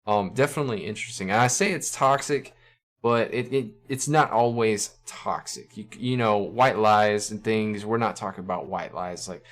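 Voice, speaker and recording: A man with a somewhat low voice talks through his thoughts in a relaxed, conversational way. He pauses often, restarts sentences and leans on fillers as he reflects. The sound is from a desk mic at a computer, run through a compressor. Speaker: channel host analyzing song lyrics. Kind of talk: casual spoken commentary. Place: indoors at a computer.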